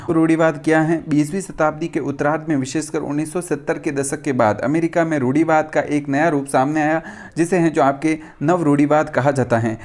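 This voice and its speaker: A male tutor with a slightly high voice runs through an exam revision lecture. He reads out each question and then answers it. A stock filler phrase keeps cropping up in the middle of his sentences. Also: a little mellow. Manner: keeps slipping in the filler 'hai jo aapke'.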